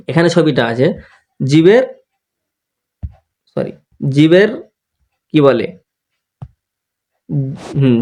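A man leads a recorded tajweed lesson in a fairly high voice. He drills letter sounds again and again, slowly and plainly, and poses his own questions before answering them. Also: a little mellow. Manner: repeats letter sounds slowly for learners to copy; explains with everyday examples, asks and answers his own questions. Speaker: Quran recitation teacher.

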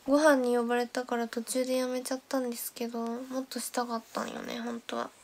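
High-voiced young woman chatting on a livestream. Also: flat delivery, fast talker, a little hiss or hum. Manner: chatty, thanks viewers by name, drops to soft whispers. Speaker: idol livestream host. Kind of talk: casual livestream chat reading comments.

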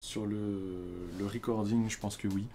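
Chatty French man with low voice. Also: steady tone, a little slow, mellow, a little hiss or hum. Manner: chatty, loose, many fillers and self-corrections. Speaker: tutorial presenter. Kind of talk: casual screen-recorded tutorial.

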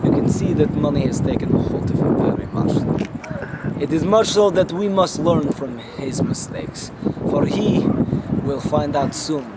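A man's voice: on the high side, moderate pace, lightly acted. A man playing a pompous male reporter with a put-on Russian accent, talking in an overly polite, pleading way. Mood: flustered. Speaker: interviewer. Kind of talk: comedy skit acting. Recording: noisy amateur camera audio.

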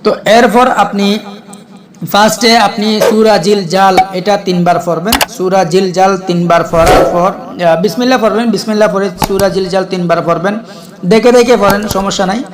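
A man teaching viewers a devotional practice step by step, slowly chanting Arabic phrases and often checking in with "okay?". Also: high voice, very noisy. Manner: slow, deliberate recitation of Arabic chants between plain explanations; repeats 'okay?' to check the listener is following. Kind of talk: instructional talk to viewers.

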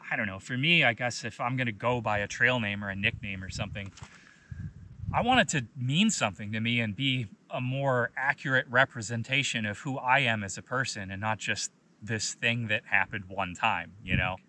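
A man in his thirties tells a hiking story in a relaxed, conversational way and keeps saying "you know." His voice has a bright, forward edge at an ordinary male pitch. A faint noise sits under the recording. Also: moderate pace. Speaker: hiking vlogger. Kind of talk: casual storytelling to camera.

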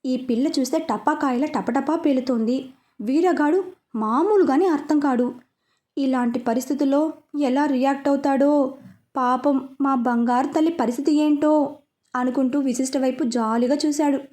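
A woman reads a serialized story aloud with a clearly high voice. Her delivery is lively and steady, carrying the narration between the scenes. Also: normal speed.

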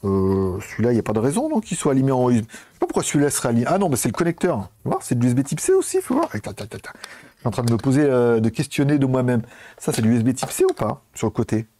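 Fast, lively chatty man. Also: mid-range voice. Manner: chatty, rambling, corrects himself mid-sentence. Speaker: tech reviewer. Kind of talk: casual product review vlog. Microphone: wireless lapel mic.

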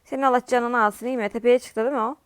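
High-voiced woman gamer venting loudly. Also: steady tone, very fast, no room sound. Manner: chatty, with frequent exasperated outbursts at the game. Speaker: gaming streamer. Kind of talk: casual gameplay commentary.

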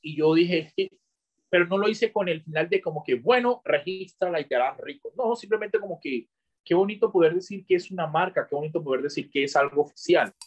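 A man in his thirties from Colombia, a podcast guest telling his story haltingly over a video call. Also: a little high. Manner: halting, restarts often, gestures while talking. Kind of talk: casual interview talk. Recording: dull lo-fi video call audio.

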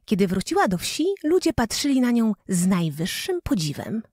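A woman reading a fairy tale aloud as a storyteller, in an expressive, playful manner. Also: medium pitch, normal speed, dry recording, studio quality.

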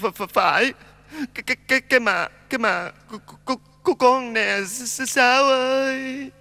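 A man's voice: extremely high pitch, moderate pace, heavily acted. A man playing a remorseful young son who stutters and repeats his words, in Vietnamese folk opera acting. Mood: pleading. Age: young adult. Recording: loud instrumental music behind.

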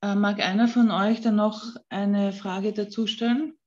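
A woman moderates an online lecture, brisk and organized as she passes questions along. Her voice is mellow, and the call audio is dull. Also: mid-range voice, steady tone. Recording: muffled video call audio.

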